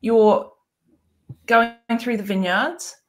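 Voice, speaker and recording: A woman's voice: a little high, steady tone, drawn-out words, soft background music. Chatty New woman, full of ums. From New Zealand. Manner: chatty, hesitant, many filler ums. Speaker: podcast co-host. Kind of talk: casual chat.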